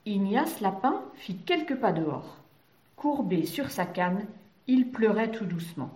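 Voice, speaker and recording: A woman narrating a children's story gently. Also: mid-range voice, animated, measured pace. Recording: roomy echoey recording.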